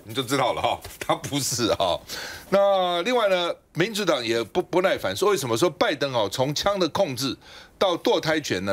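A man hosting a political talk show, chatty and explanatory, often tagging his sentences with a casual particle. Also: fairly high pitch. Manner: chatty, explanatory, ends phrases with a tag particle. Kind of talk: political commentary chat.

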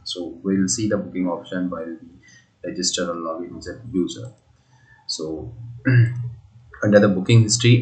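A man's voice: deep voice, reverberant, rough recording. A man narrating a screen-recorded coding walkthrough, explaining steps with frequent fillers and restarts. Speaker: software tutorial presenter.

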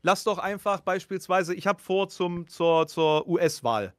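Wry man, guest on a live chat, slightly high voice, dry close mic. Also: measured pace, a bit bright, no room sound. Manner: wry, self-deprecating, rambling with restarts. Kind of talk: casual chat.

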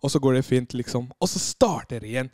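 A man's voice: mid-range voice, dry recording, clean studio sound. A man on a podcast telling a story in casual chat, acting out the moments he describes. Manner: animated storyteller, acts out screams and quotes. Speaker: podcast guest.

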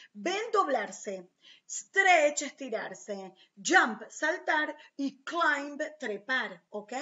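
Slow, patient woman teaching children English. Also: high voice, a bit bright, lo-fi sound. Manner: slow, patient, repeats words and translates. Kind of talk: recorded online class for children.

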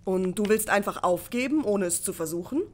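A woman's voice: on the high side, animated, moderate pace, fairly bright tone. Woman voicing a determined young apprentice. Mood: earnest. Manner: earnest, urgent, persuasive. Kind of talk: audiobook character voice.

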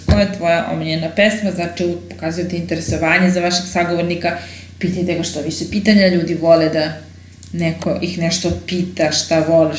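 Woman teacher with a low, echoey voice. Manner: explains slowly, repeats phrases, thinks aloud with fillers. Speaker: German teacher. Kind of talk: bilingual language lesson.

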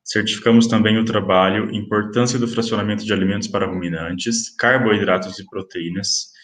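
A man presenting at an online academic event, reading out award certificates in a formal, steady listing manner. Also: fairly low pitch, brisk, roomy sound. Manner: steady listing of titles and names.

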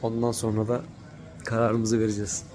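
A man's voice: fairly low pitch, completely flat delivery, normal speed, loud music behind the voice. A young man with a Turkish accent chatting casually and jokingly with friends for a vlog. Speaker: travel vlogger. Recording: busy crowd behind the voice.

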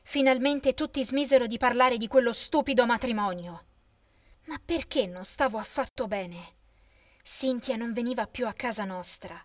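High-voiced woman narrating a teen story. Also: no room sound. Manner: first-person, emotional storytelling.

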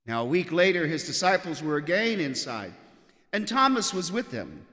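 A man speaking as a priest, reading and preaching in a measured, expressive liturgical manner in an echoing church. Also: a little high. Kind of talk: solemn scripture reading and homily. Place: large church interior, at a lectern. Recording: cathedral-like echo, long church reverb.

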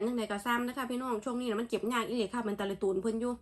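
Casting: woman, Isan Thai accent, higher-pitched voice, informal eating-vlog chat with familiar, polite address to the audience. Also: steady tone, racing. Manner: addresses viewers familiarly with frequent polite particles. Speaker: food vlogger. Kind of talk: casual chatty eating vlog.

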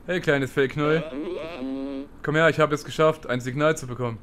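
A man playing a video game, chatting casually and quietly reading the subtitles aloud. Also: steady tone, a little fast, crowd noise. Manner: reads game subtitles aloud in a soft, low-key voice. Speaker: let's play gamer. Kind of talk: casual gameplay commentary. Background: game music.

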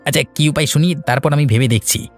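A man's voice: fairly high pitch, fast, soft background music, natural voice. A man voicing a hesitant young nephew in a cartoon. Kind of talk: cartoon voice acting.

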